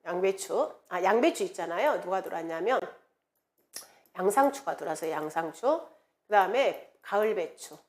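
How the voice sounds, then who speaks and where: Lively woman teaching an exam lecture. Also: lowish voice, normal speed. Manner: animated, repeats key words, playful mnemonic chanting. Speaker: exam prep instructor.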